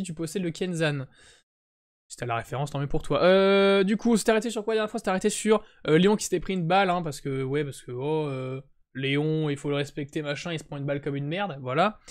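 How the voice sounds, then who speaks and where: Young man, French accent, live-stream chatter, joking, smooth clear voice. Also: on the high side. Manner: joking, greets chat viewers, self-mocking. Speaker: Twitch streamer. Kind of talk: casual live-stream chat.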